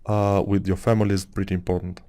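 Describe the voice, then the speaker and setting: A Bulgarian man in his thirties, with a Bulgarian accent, talks through a 3D sculpting tutorial casually over his screen work. His low, warm voice keeps a level tone at a quick pace, and he rambles and muses with many fillers.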